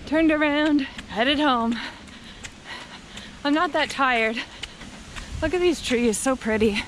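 An American woman with a fairly high voice talks to her camera while running along a country road. She is casual, wry and sarcastic, swearing freely. The handheld outdoor audio has clear wind noise. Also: slow pace. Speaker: vlogger. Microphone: handheld camera at arm's length. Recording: windy, noisy outdoor action-camera audio.

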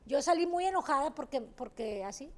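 A woman's voice: high-pitched, animated, fairly quick. A woman telling stories as a talk show guest, blunt and emphatic, swearing casually as she talks. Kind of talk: candid interview storytelling.

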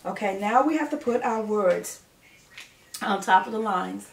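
A middle-aged woman acts as a preschool teacher, giving a children's lesson to camera in simple, repeated phrases aimed at young kids. Her mid-range voice is expressive, unhurried and gravelly. She's at home in a living room or study, and the distant mic makes it roomy with faint noise.

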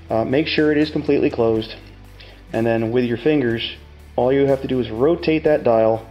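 A man's voice: medium pitch, lo-fi sound. A middle-aged man explaining step by step like a plain-spoken machinist, in a casual hands-on tutorial. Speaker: tutorial host demonstrating measuring tools.

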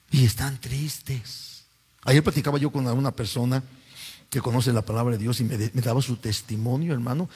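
A man preaching a fervent sermon with a Mexican accent, swinging between loud rising calls and low drops, often calling out to the listeners. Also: husky, long reverb tail. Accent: Mexican Spanish. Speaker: pastor. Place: church.

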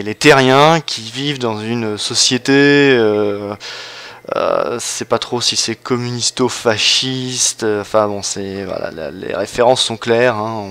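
A man's voice: mid-range voice, fairly bright tone, smooth. A man losing his voice, giving casual, hesitant commentary while showing a strategy game, with many fillers and restarts. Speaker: let's play host.

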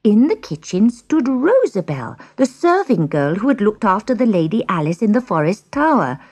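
A woman narrating a children's storybook in an expressive, gently dramatic way. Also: medium pitch, normal speed.

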